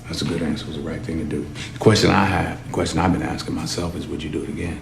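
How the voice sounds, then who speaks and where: A proud gangster boss in a crime film, with a low, gravelly voice. He talks cocky and streetwise, with defiant menace, in an echoey room over background music. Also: level tone, rapid-fire, noisy background, exaggerated voice. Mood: musing, probing. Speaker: crime boss under interrogation. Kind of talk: film drama acting.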